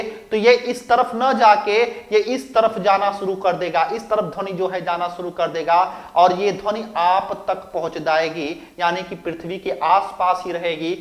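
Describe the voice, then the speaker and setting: A man's voice: sits high, a bit bright. A male physics teacher giving a recorded lecture, asking rhetorical questions, answering them himself and repeating key phrases.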